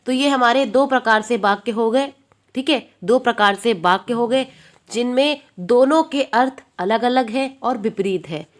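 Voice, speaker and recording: A woman teacher giving an exam-prep lesson, repeating points and answering her own questions. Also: high-pitched.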